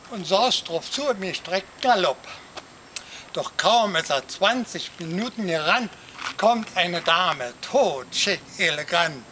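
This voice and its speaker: A man reciting a rhyming comic poem for an audience, lively, jumping up in pitch for shouted cries. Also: slight background noise, rough recording. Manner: lively storytelling, swings voice up for quoted cries. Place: outdoor garden theatre.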